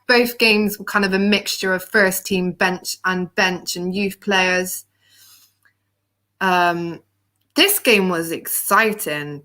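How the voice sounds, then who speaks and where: A woman's voice: medium pitch, sharp tone. A woman hosting a casual football discussion panel, chatty, with frequent ums and restarts. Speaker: panel host.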